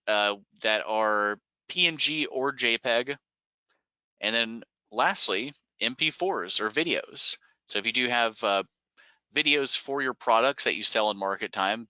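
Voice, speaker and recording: A man from a software company walking through product features in a webinar, explaining in a relaxed way with frequent "uh" and "um" fillers. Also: mid-range voice, clear, resonant tone, no room sound, rough recording. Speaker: software company staff presenting product updates. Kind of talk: webinar screen-share walkthrough.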